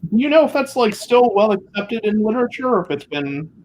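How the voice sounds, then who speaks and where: A man's voice: high voice, very animated, fairly quick, a little mellow. A man in a casual online panel chat, speaking hesitantly with many fillers. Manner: hesitant, full of "like" and "um". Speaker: debate panelist.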